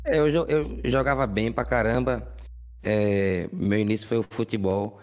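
A man's voice: lowish voice, steady tone, a little slow. A Brazilian man, a musician guest, telling stories casually in an interview in a plain-spoken, repetitive way.

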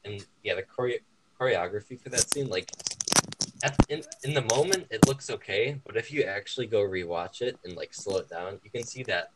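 Young guy ranting about movies, sarcastic, lowish voice, noise in the background. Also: normal speed. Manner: opinionated, sarcastic. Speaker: guest movie reviewer. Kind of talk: casual chat.

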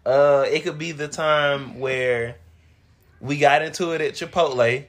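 A man's voice: fairly high pitch, measured pace. A young man co-hosting a podcast, telling stories with lots of fillers and acting out what people said. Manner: animated storytelling, acting out quotes, lots of fillers. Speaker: podcast co-host. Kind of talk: casual chat.

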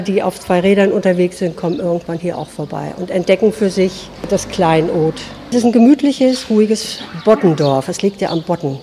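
A woman who owns a gallery speaks calmly and without hurry in an interview. Her voice is low and mellow. Soft music plays faintly behind her. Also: slight background noise. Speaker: gallery owner. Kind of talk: casual interview talk.

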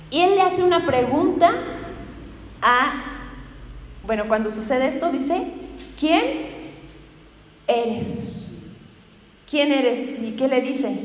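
A woman's voice: high-pitched, slight background noise. A woman preacher giving a conversational sermon in a church, often turning to the congregation with questions. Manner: chatty, keeps asking the congregation questions. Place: church hall. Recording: echoey hall with long reverb.

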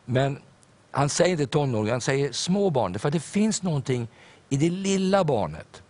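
A man's voice: a little high, very animated, darkish tone. An older man, a pastor, preaching a sermon in an earnest storytelling way with hesitations and fillers.

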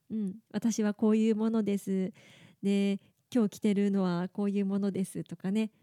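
A woman hosting her own podcast, talking chattily in a casual, animated way with frequent asides. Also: on the high side, no echo, clean studio sound. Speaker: podcast host. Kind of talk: casual solo podcast talk.

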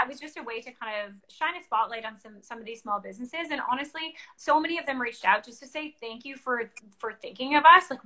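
A woman guest in a casual interview over a video call, talking with lively enthusiasm. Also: fairly high pitch, poor audio. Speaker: guest entrepreneur.

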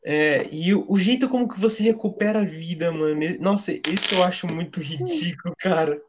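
A man's voice: high-pitched, moderate pace, background noise. A young man with a Brazilian Portuguese accent, chatting casually in heavy slang. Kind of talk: casual chat.

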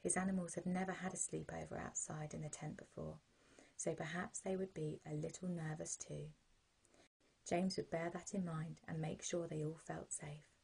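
British woman doing a soothing sleep story, really breathy husky voice, mellow and gentle. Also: deep voice, rough recording. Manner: gentle, calming, unhurried guidance. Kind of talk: soothing bedtime story narration for children.

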